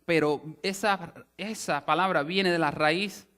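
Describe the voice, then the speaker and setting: A man's voice: on the high side, unhurried, sharp tone, clear, resonant tone. A male pastor teaching a sermon in an explanatory way, often restarting phrases and rephrasing with asides. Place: church sanctuary.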